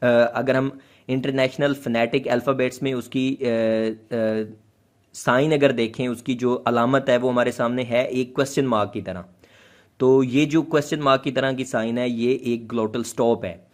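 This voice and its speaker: A man teaching linguistics in a patient explanatory lecture, slowly repeating example sounds, with frequent hesitation fillers. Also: mid-range voice, fairly even intonation.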